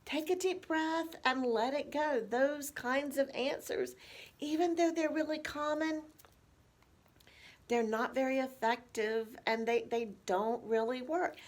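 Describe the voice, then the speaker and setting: A woman teaching caregivers in a fairly high voice. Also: slow pace. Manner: conversational, poses rhetorical questions. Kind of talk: instructional talk to caregivers.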